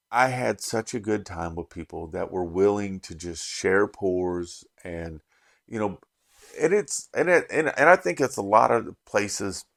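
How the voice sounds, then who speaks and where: Speaking with a low voice and vocal fry, this bourbon channel host recaps an event for his casual vlog. He's a middle-aged man from Las Vegas, USA, and his heartfelt, rambling delivery keeps restarting sentences.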